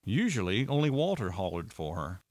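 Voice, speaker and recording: A man's voice: on the low side, sing-song, normal speed, a little mellow, no echo. A man narrating a first-person audiobook in a dry, wry storytelling manner.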